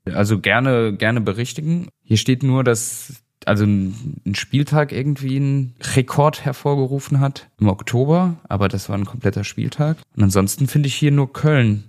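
Ein Mann, der als Co-Host in einem lockeren Podcast-Gespräch zögernd laut nachdenkt. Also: male voice, medium pitch, moderate pace, few pauses, darkish tone. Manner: hesitant, thinks aloud while searching online. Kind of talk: casual podcast chat.

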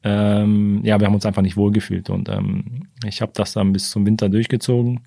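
Gravelly low-voiced man telling stories. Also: level tone, fairly quick, mellow, no echo, clean studio sound. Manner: rambling, many fillers and restarts; retells conversations in direct quotes. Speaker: guest, retired football goalkeeper. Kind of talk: casual interview storytelling. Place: podcast recording studio.

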